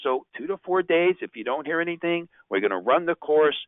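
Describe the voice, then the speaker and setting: A man's voice: on the high side, animated, brisk, no room sound. A man giving an instructional presentation as a sales trainer, informal and emphatic, asking rhetorical questions. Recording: narrow phone-like sound, very dry.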